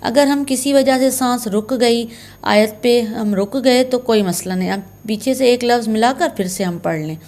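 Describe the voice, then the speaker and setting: A woman's voice: fairly high pitch, moderate pace, a little mellow. A woman teaching Quran recitation signs in a patient, step-by-step way, repeating key terms. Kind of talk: slow explanatory lesson.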